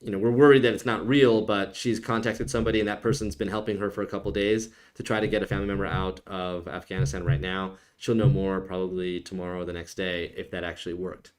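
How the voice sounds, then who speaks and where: A man's voice: sits low, flat delivery, fast, few pauses. A man who is an immigration attorney, answering viewer questions on a live stream in a casual, joking way. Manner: casual, joking, teasing viewers, frequent "okay?".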